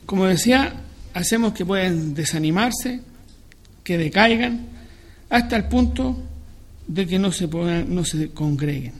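Slow, high-voiced preacher man. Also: animated. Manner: slow, searching, with restarts and pauses. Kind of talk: sermon.

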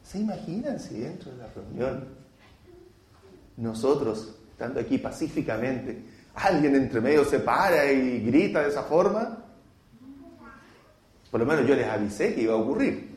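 A man preaching a sermon in a church, slow and dramatic, full of rhetorical questions. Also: medium pitch, a little hiss or hum. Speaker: pastor. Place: church hall. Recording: roomy church echo.

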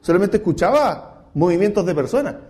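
Male pastor, sermon delivery; high, lively, warm voice; acts out quotes. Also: brisk. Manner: preaching, swinging between loud cries and hushed asides.

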